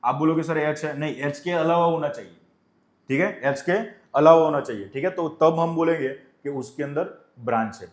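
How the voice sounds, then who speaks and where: A male chemistry teacher lecturing a class, who asks questions and answers them himself and dictates definitions slowly. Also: medium pitch, roomy sound.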